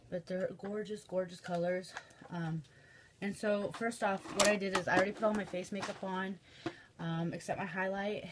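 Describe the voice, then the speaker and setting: Young midwestern woman doing a makeup tutorial, stuffy nose, sniffly, lots of um and like, faint hiss behind. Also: medium pitch. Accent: Midwestern American. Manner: chatty, filler-heavy, says um and like often. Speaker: beauty vlogger. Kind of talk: casual makeup tutorial chat.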